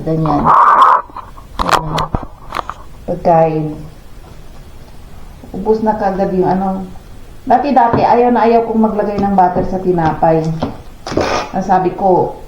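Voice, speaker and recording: A Pangasinan-accented woman talks through her morning in a rambling, chatty vlog style, with a voice on the lower side. She sounds like she is recording in a home kitchen with a phone. The sound is roomy and a bit dull, with a faint hiss underneath. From Philippines, Pangasinan. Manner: chatty and rambling, narrating chores as she goes. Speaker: vlogger. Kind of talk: casual vlog narration.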